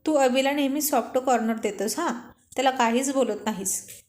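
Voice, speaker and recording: A woman's voice: high voice, normal speed, darkish tone, roomy sound, close to an everyday voice. A woman doing a pleading young clerk.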